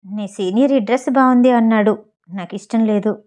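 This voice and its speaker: A woman's voice: a little high, brisk, a little mellow, natural voice. A woman voicing a young husband in an audio novel, reading his lines in a teasing, coaxing manner. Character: young husband, possessive and playful.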